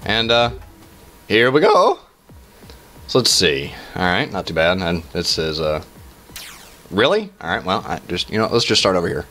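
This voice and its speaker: A man in his thirties giving casual, halting commentary as host of a gaming challenge video, with exclamations and muttered asides. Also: deep voice, big pitch swings, a bit bright. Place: small room indoors. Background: music.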